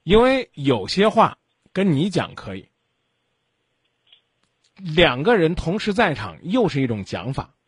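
A man's voice: fairly high pitch, wildly swooping pitch, unhurried, long pauses, husky, no room sound, clean studio sound. Blunt, scolding male radio host. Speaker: radio call-in advice host. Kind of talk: late-night radio advice talk. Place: radio studio. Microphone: studio microphone.

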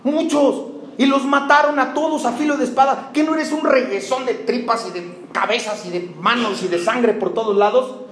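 There's a very high-pitched, slightly bright male voice here at normal speed, belonging to a man with a Mexican accent giving a sermon. He fires rhetorical questions and jokes at the congregation, recorded in a roomy hall with faint noise behind him.

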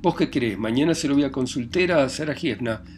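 A man voicing a flustered, jealous old husband who shouts in alarm and anger. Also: mid-range voice, fairly quick, natural voice. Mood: fussing. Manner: loud, blustering and frantic.

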